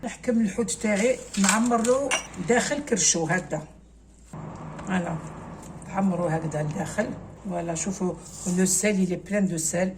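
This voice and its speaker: On a noisy recording, a cooking channel host with an Algerian accent talks viewers through a recipe step by step in a casual manner, sprinkling in French words. She speaks at normal speed in a medium-pitched voice and pauses often.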